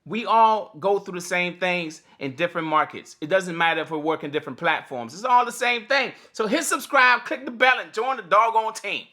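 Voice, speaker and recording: A man's voice: high-pitched, lively intonation, normal speed, few pauses, bright, forceful tone. A man hosting a casual morning livestream, greeting viewers by name and laughing often, his voice a little cracked. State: slightly cracked voice. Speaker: host of a morning livestream for delivery drivers.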